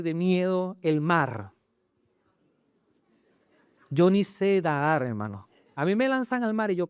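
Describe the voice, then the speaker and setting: Animated high-voiced male preacher. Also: clear, resonant tone, no echo, studio quality. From Chile. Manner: animated preaching, rhetorical questions to the congregation. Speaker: pastor. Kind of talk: sermon. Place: church.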